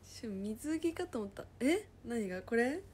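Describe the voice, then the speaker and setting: A woman casually chatting on a livestream, reading viewer comments aloud and often dropping into a soft whisper. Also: a little high, big pitch swings, unhurried, background noise. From Japan.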